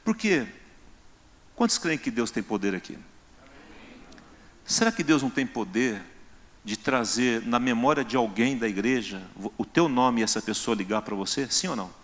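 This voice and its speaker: A man's voice: mid-range voice, animated, moderate pace, pauses often. A male pastor, preaching in a conversational way and acting out everyday scenes. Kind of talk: sermon. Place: church.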